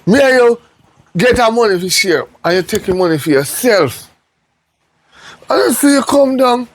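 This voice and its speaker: A man's voice: extremely high pitch, animated, moderate pace, heavily acted. An actor with a Jamaican accent playing a brother who insists on getting his money back. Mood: aggrieved. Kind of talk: Jamaican patois film acting.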